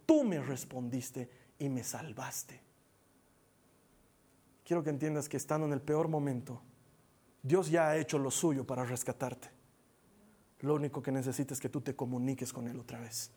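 A man preaching a sermon as pastor, earnest, rising to loud urging and dropping to near whispers. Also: a little high. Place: church meeting hall, also streamed online.

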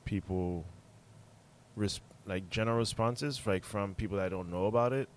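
A man's voice: lowish voice, normal speed, a little hiss or hum. A man raised in Haiti, hosting a podcast in a casual, searching way, full of "you know" and "you see what I'm saying". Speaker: podcast host.

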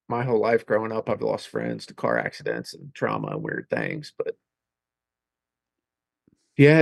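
A man's voice: medium pitch, vocal fry, dry recording, clean studio sound. A man in his forties co-hosting a podcast, telling stories in a laid-back, plainspoken way. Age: 40s. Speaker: podcast co-host. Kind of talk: casual conversation.

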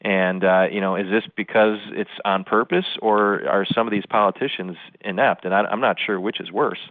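A man's voice: lowish voice, fairly even intonation, normal speed, dry recording. A man giving market analysis over the phone in an interview, speaking analytically with many filler sounds. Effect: heard over the phone. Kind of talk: interview commentary. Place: phone call. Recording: tinny phone line, dry.

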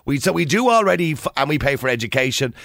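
A man's voice: medium pitch, very animated, fast, vocal fry, fairly bright tone, dry recording. A man with an Irish accent hosting a radio phone-in debate, challenging the caller and cutting in. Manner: challenging, interrupts.

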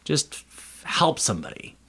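A man's voice: measured pace, fairly bright tone. A man running for city council, talking casually and sarcastically in a podcast interview, often laughing at his own jokes.

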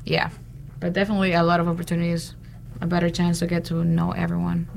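Gravelly young woman from Honduras. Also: fairly low pitch, completely flat delivery, quick pace, darkish tone, slight background noise. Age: young adult. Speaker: interview guest, international student. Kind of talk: casual interview chat.

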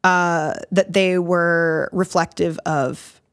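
A woman's voice: on the low side, fairly even intonation, slow pace, no room sound, clean studio sound. A woman co-hosting a podcast, talking bluntly and casually and swearing freely. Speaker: podcast co-host. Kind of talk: casual chat.

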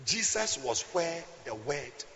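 A man with a West African accent preaching a fiery, animated sermon, emphatic and repetitive, swinging from shouts to hushed asides. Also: fairly high pitch, slow pace, vocal fry, a little hiss or hum. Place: large indoor church hall. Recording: echoey hall, slightly dull sound.

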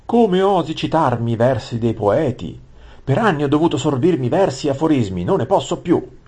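A man voicing a hot-tempered young prince who shouts and rants. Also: lowish voice, animated, moderate pace, husky. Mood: furious. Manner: shouting, ranting.

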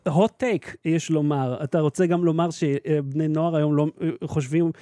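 A man in his thirties with an Israeli accent, co-hosting a podcast in casual, animated chat. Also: on the high side, no echo, studio quality. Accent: Israeli Hebrew. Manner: animated, ranting. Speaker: podcast co-host.

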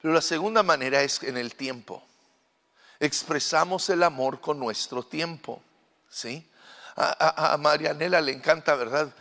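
A middle-aged man preaching a sermon as pastor, shifting from soft asides to loud proclaiming, with fillers and repeated words. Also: a little high, unhurried, in a large hall.

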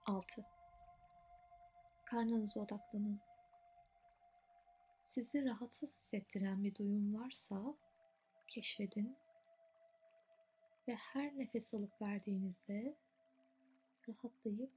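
A woman softly narrating a guided relaxation meditation in a soothing, unhurried way, with long pauses between short phrases. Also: mid-range voice, steady tone, slightly rough, faint music behind.

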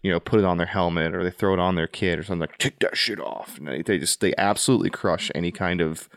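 A man's voice: deep voice, steady tone, fast talker, dry recording, clean studio sound. A man hosting a podcast, talking earnestly and reflectively about his army service in a casual interview. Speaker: podcast host, Army veteran.

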